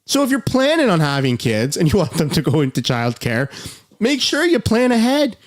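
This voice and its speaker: A man's voice: high voice, wildly swooping pitch, normal speed. A man in his thirties giving angry, sarcastic reaction commentary, swearing and switching between outbursts and mutters. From Canada. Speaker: political commentator.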